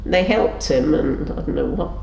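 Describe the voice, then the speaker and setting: Gravelly and darkish, an older woman's animated voice moves at a moderate pace as she tells her memories in an oral history interview. She takes on the voices of people in her stories, shifting pitch for their quotes. The recording is roomy, with faint background noise.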